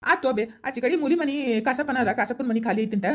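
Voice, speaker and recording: A woman's voice: sits high, a bit bright. A woman playing a helpful young village relative who reassures the family, with a North Karnataka accent. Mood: reassuring. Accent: North Karnataka Kannada. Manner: rapid, reassuring, persuasive.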